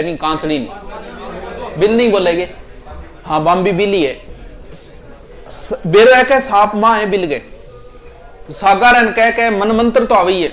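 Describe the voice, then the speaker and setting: A man with a Rajasthani accent teaching a class, repeating each proverb and explaining it in a chatty style with local dialect and jokes for the students. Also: high-pitched.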